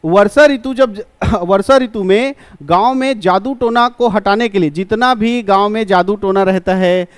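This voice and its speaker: A man teaches an exam-prep class. He poses each question and answers it himself, repeating key terms slowly. His voice is high, smooth and resonant, and the recording is dry and close. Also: no echo.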